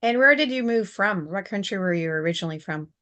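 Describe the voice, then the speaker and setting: A woman's voice: medium pitch, animated, fast talker, pushed and bright. A woman hosting an interview, asking brief, polite questions. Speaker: interview host. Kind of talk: casual interview chat.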